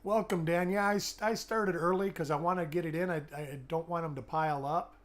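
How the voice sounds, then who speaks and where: Speaking briskly in a fairly high, steady voice, this middle-aged host chats through a live coin-hunting stream, welcoming viewers by name while he checks coins. Illness has left his voice weak and fading.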